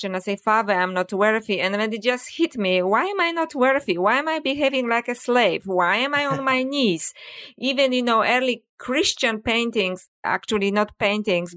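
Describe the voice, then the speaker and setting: A middle-aged Polish woman speaks with a Polish accent in a medium-pitched, fairly bright voice. She's a guest author in a podcast interview, reflective and storytelling, often saying "you know."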